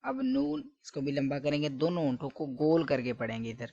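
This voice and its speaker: A man's voice: a little high, expressive, vocal fry, warm tone, lo-fi sound. A man teaching letter pronunciation, correcting common mistakes and stretching each sound long. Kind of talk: recitation lesson.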